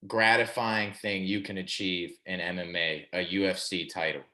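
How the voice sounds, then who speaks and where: A man hosting an interview show, asking questions and affirming answers with quick agreement. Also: low-pitched, steady tone, pushed and bright. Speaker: podcast host. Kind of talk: casual interview.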